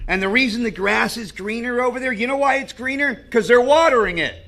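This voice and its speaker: A man's voice: extremely high pitch, fairly quick, sharp tone. A man speaking at a recovery meeting, sharing his story in an earnest, conversational way. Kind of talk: personal recovery share with stories.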